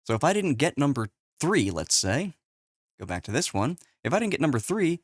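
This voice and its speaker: Fed-up man ranting through a tech explainer, lively pitch swings, dry close webcam sound. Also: normal speed, husky, no echo. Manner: profane, exasperated, animated. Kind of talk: casual whiteboard explainer. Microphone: webcam with face overlay.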